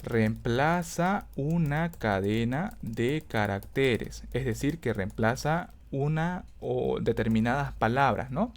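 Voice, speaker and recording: A man's voice: medium pitch, expressive, takes it slowly, few pauses. Man teaching step by step, checking in. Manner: self-correcting, thinks aloud. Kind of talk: screen-recorded coding lesson.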